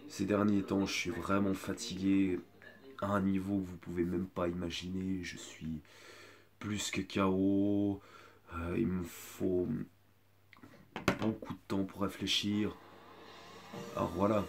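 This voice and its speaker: Filmed on a phone with music in the background, a man who has a cold and a sore throat makes an informal apology video. His low voice barely moves in pitch, and his talk is halting and meandering, full of pauses.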